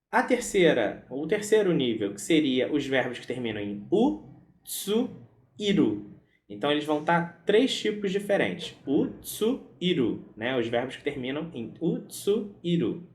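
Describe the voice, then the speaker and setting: Man, teacher, explaining a lesson, slow careful word modeling, animated intonation, roomy echo. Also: medium pitch. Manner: slows down to model pronunciation slowly and carefully; frequent tag question "né?". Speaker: Japanese language teacher.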